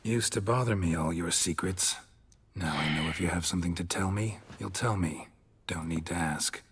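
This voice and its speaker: A man's voice: sits low, moderate pace, a bit bright, husky, full character voice. An actor playing a weary male monster hunter in a video game, speaking in dry, clipped, understated lines. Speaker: witcher hero.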